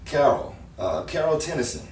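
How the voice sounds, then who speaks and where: In a 1950s-style live radio romance, a man plays a flustered painter eager to please, stammering, apologizing and chuckling nervously. His slightly high voice is sing-song at a moderate pace, picked up by a distant mic in a roomy space with faint noise and an audience.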